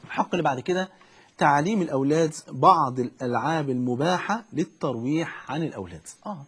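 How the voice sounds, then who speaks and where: A man's voice: on the high side, animated, fast talker, fairly bright tone, husky. A man with an Egyptian Arabic accent, a preacher giving fervent, fatherly religious advice on a call-in show. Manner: fervent, fatherly, keeps saying "my dear".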